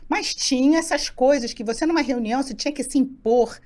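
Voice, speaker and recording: A middle-aged woman telling stories from her career as an interview guest, animated and acting out the dialogue she quotes. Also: high voice, brisk. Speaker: guest, executive coach. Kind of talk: casual interview storytelling.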